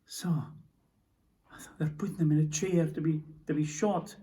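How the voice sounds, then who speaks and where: A haunted Scottish soldier, played by a man on stage, speaks in a stage monologue. His voice sits a bit high and carries a Scottish accent. He talks in halting, stammering bursts of emotion. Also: steady tone, mellow, natural voice. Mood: anguished. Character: Scottish soldier recounting a prisoner's execution, haunted. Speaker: stage actor. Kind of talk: theatrical monologue. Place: theatre stage.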